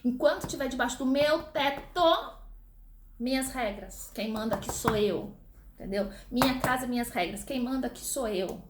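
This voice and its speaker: A woman's voice: a little high, moderate pace, noisy background, close to an everyday voice. A woman voicing an exasperated, guilt-tripping mother who scolds her children. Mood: exasperated scolding. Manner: melodramatic, nagging, guilt-tripping. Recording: echoey room.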